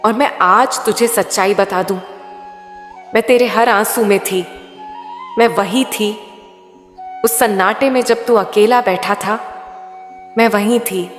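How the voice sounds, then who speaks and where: A woman's voice: medium pitch, close to an everyday voice. A woman voicing a tender mother goddess. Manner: slow, soothing, intimate address. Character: loving mother goddess, tender, all-knowing, consoling. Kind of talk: devotional spoken message. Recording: echoey hall with faint sitar music.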